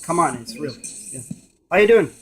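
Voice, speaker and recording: An animated man with a fairly high voice speaks at a moderate pace as he casually demonstrates a gadget by hand, emphatic and repeating himself. The recording is from a noisy room with device static and radio scanning static.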